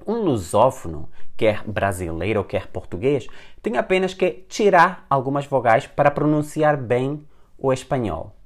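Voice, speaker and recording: A man teaching a language lesson, explaining patiently and repeating example words slowly and clearly. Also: mid-range voice. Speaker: Spanish teacher.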